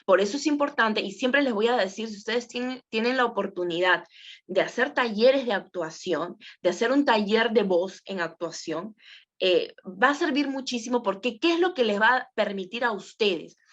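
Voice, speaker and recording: A woman's voice: on the high side, lively intonation, normal speed, fairly bright tone. Female voice coach giving a casual workshop lesson, often checks in with the class, muffled recording. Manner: conversational, many fillers, asks the class questions. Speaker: voice and presenting teacher.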